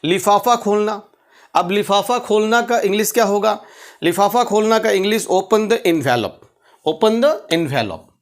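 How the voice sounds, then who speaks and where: A man's voice: high-pitched, unhurried. A man teaching English vocabulary in a Hindi-medium lesson. He spells words out letter by letter, repeats phrases, and asks questions before answering them himself.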